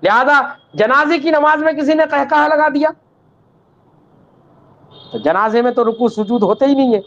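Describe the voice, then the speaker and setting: Man, religious teacher, high voice, recites then explains, checks understanding, muffled lo-fi sound. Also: a bit bright. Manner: recites Arabic text, then explains it patiently; addresses students as child, checks they understood. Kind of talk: Islamic law lesson. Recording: dull lo-fi recording.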